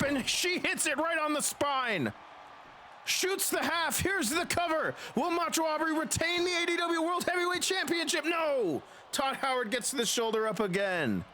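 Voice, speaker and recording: A man doing dramatic, excited pro wrestling play-by-play in the manner of a ringside announcer. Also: sits high, a little hiss or hum. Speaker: streamer and wrestling commentator.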